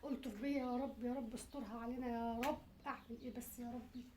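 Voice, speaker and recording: A woman with an Egyptian accent playing a frantic, furious mother who scolds her daughter with pleading prayers and rapid questions. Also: on the high side, fairly even intonation, heavy background noise, natural voice. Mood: frantic scolding. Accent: Egyptian Arabic.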